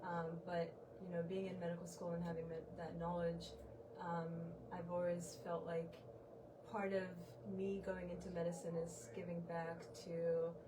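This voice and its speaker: A woman's voice: fairly low pitch, little pitch movement, moderate pace. A woman in her twenties from Uganda, a medical student volunteer, answering interview questions in a hesitant way with many ums. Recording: distant mic with background noise.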